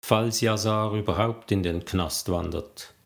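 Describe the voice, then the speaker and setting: A man voicing a blunt, dry-humored male police detective with a gruff manner in an audiobook. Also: fairly low pitch, unhurried.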